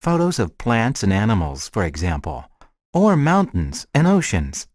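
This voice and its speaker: A man's voice: lowish voice, wildly swooping pitch, a little slow, darkish tone, no echo, studio quality, exaggerated voice. A man acting a friendly character in a scripted language lesson dialogue, with careful short sentences. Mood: friendly, measured. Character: friendly man chatting about a shared hobby.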